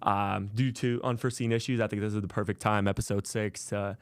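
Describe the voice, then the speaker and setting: A man's voice: fairly low pitch, steady tone, fairly quick, clear, resonant tone, no room sound. A man in his twenties hosting a podcast alone, telling his story in a casual way with many fillers and restarts. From Las Vegas, USA. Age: 20s. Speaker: podcast host. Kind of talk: solo podcast monologue.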